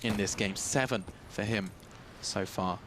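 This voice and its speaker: A man giving play-by-play commentary on an esports match, getting excited and climbing in pitch at the big plays. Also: measured pace, a little hiss or hum.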